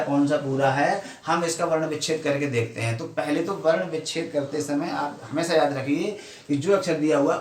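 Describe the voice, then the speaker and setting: A male teacher giving a grammar lesson, explaining slowly and repeating points, often asking his pupils questions and mixing into his speech. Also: fairly high pitch. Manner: slow, repetitive explaining with frequent questions to pupils. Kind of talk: classroom-style grammar lesson. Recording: echoey room, mic at a distance, faint noise.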